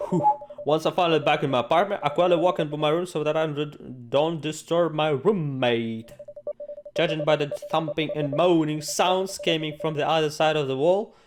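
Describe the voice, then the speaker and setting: A gaming video host, his voice on the high side at a normal pace, reads the game's text in a playful, theatrical manner while joking and exclaiming to himself. Game music sits behind him, along with slight background noise.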